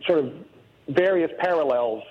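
A middle-aged man calling in to a radio show over a phone line, earnest and halting, with many restarts. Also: on the high side, lively intonation, slight background noise. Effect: heard over a phone line. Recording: muffled phone-line audio.

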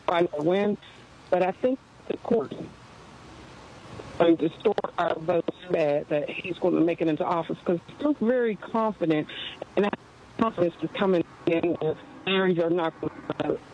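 A man calling in to a radio talk show on a crackly cordless phone line that keeps breaking up, talking haltingly with fillers. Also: sits high, darkish tone. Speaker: caller. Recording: muffled phone line from off the mic.

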